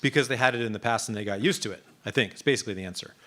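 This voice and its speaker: A man's voice: on the low side, very fast, bright, forceful tone. A man leading a live coding workshop, explaining in a casual, conversational way with many fillers and restarts. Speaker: workshop instructor.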